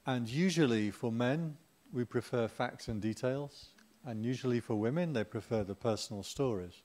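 A man's voice: medium pitch, moderate pace, darkish tone. Middle-aged male Buddhist teacher, informal Dharma talk, mid-range voice, chatty, light humor with asides.

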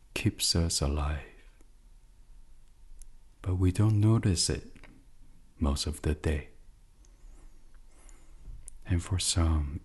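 This husky, extremely low-pitched male voice guides listeners toward sleep in a gentle, hushed ASMR style. Long pauses separate his phrases, some of which are almost whispered.

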